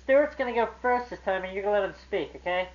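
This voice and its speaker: A man's voice: sits high, fast talker, natural voice. A man voicing a weary male radio producer in a comedy sketch, announcing takes and coaxing the performers. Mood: patient. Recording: dull lo-fi recording with faint hiss.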